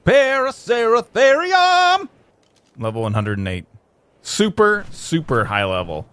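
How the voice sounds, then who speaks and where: A young man giving excitable let's-play commentary, yelping and joking at the animals. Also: mid-range voice. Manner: excitable, yelps and jokes at the animals. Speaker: gaming YouTuber.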